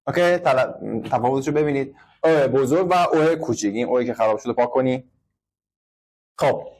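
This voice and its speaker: A man's voice: medium pitch, a little mellow. A man teaching English to a class, explaining patiently, repeating words and quizzing his students. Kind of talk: classroom lesson.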